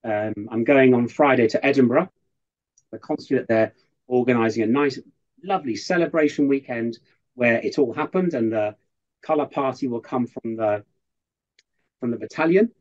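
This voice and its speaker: A man, a professor, talking earnestly in an interview and telling stories with lively quoted asides. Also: mid-range voice, moderate pace, long pauses, lo-fi sound. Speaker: professor giving a guest interview. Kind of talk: conversational interview storytelling.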